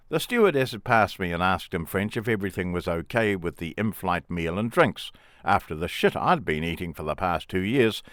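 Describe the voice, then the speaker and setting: Low-voiced man telling his story. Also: a bit bright, no echo, studio quality. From England. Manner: plain, wry first-person storytelling. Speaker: memoir author and narrator. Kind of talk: reading a memoir aloud.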